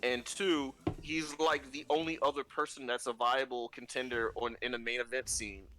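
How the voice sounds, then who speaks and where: A man's voice: medium pitch, fairly even intonation, moderate pace, bright, forceful tone. A man in casual chat while playing a video game, rambling with lots of fillers and restarts. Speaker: guest.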